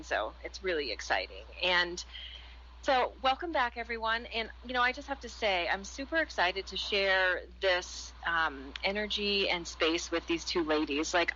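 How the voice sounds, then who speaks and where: A woman hosting a radio chat show, gushing and enthusiastic as she rambles through her welcome. Her voice is bright and forceful, sitting a little low, and the recording sounds muffled and lo-fi. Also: a little hiss or hum.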